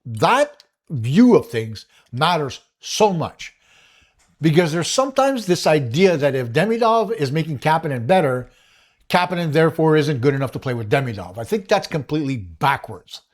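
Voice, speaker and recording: A man's voice: on the high side, very animated, moderate pace. A man hosting a solo hockey analysis show, talking in an analytical, emphatic way and laying out his points step by step.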